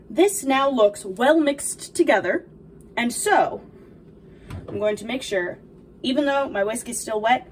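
Woman playing high-voiced, sweet Princess Peach. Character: sweet, cheerful young video game princess baking. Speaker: host of a baking video. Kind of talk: in-character cooking tutorial. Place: small home kitchen, indoors. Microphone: camera a few feet away. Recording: distant mic, noticeable background noise.

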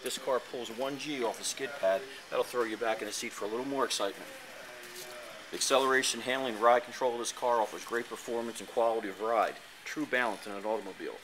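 A man giving an enthusiastic dealership sales pitch for a car, reciting specs in a showroom, recorded on a handheld camera. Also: fast talker. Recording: noisy showroom ambience.

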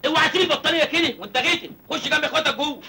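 An actor playing a cheeky, penniless young Egyptian villager in a 1980s film comedy, whiny and wisecracking. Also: male voice, very high-pitched, lively intonation, racing, sharp tone, a little hiss or hum, exaggerated voice. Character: cheeky penniless village man, mid-twenties.

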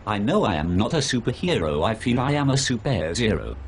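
Guy doing a sad mopey loser superhero monologue, lowish voice, swings up and down, noisy background. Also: very animated, brisk. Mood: sorrowful self-pity. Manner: sorrowful, dramatic self-pitying lament. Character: self-pitying, tearful failed male superhero. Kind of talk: dramatic monologue.

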